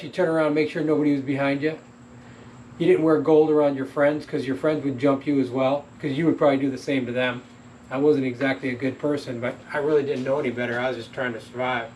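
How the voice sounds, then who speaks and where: A man's voice: mid-range voice, distant mic, slight background noise, rough recording. Candid man telling a personal story. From Toledo, Ohio. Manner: candid, reflective, blunt and earnest.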